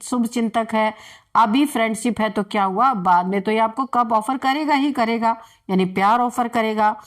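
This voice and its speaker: Slow, lively-voiced woman tarot reader. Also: high-pitched. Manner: slow, drawn-out card calls, then brisk chatty explanation with frequent laughs. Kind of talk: general tarot reading to viewers.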